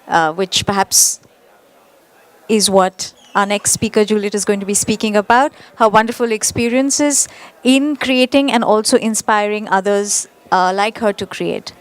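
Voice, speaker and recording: Woman moderating a conference panel. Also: medium pitch. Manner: measured, with frequent uhs.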